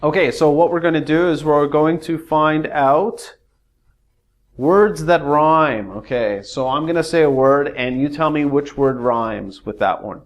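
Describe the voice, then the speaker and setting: A man's voice: fairly high pitch, unhurried. A man teaching a casual English pronunciation lesson, rambling and hesitant with many fillers. When reading verse, he uses exaggerated rises and falls.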